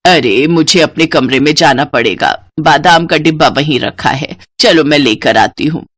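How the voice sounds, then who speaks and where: A woman voicing a stern older mother-in-law in a cartoon story, dropping her voice low and talking firmly. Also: normal speed. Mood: fussy. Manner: lowered voice, scolding and firm.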